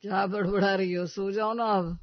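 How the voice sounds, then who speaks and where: A woman's voice: mid-range voice, steady tone, normal speed, dry recording, close to an everyday voice. A woman voicing a young husband who talks in a teasing, offhand way. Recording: slightly dull, dry close recording.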